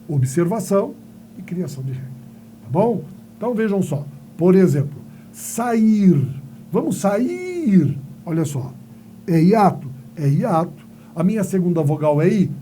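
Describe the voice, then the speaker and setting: A man's voice: sits high, dark tone, a little hiss or hum. A male teacher giving a playful grammar lesson, asking and answering his own questions and telling silly stories.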